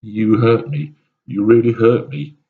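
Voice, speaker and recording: A man's voice: on the low side, measured pace, pitched above the performer's own voice, lightly acted. Man reading a wary woman, hurt ex-partner, guarded, dull lo-fi sound. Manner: guarded, wounded. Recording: dull lo-fi recording.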